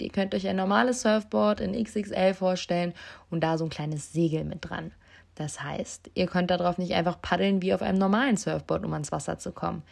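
Young female podcast host, slightly low voice, casual and self-mocking storyteller, basic mic. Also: gravelly. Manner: emotional, self-mocking, addresses listeners directly. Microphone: basic non-professional mic.

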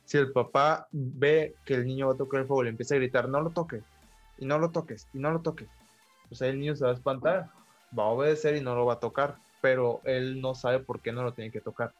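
A man's voice: medium pitch, little pitch movement, fast, dry recording, dull audio, faint music behind. A man in casual podcast talk, thoughtful and full of filler words. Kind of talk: casual conversation.

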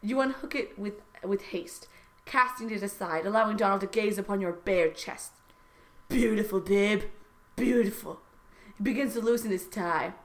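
A woman's voice: medium pitch, normal speed, fairly bright tone. A woman podcast co-host reading fan fiction aloud in a mock-dramatic way, often breaking into laughter. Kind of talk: comedic dramatic reading with banter.

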